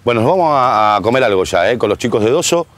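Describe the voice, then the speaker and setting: A man with a Rioplatense Spanish accent hosting a casual outdoor interview, joking and chummy with quick questions. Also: medium pitch, animated. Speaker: show host. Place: outdoor garden bar.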